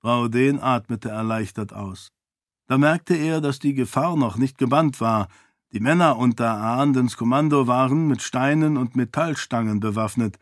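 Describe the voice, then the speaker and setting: A man reading a novel aloud as audiobook narrator, in a measured storytelling manner. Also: medium pitch, dry recording, clean studio sound. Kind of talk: scripted narration.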